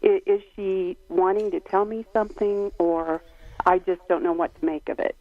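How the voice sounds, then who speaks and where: A woman calling in to a radio show, speaking hesitantly with halting pauses. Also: mid-range voice, steady tone, dry recording. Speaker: caller. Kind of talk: phone-in call. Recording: tinny phone line.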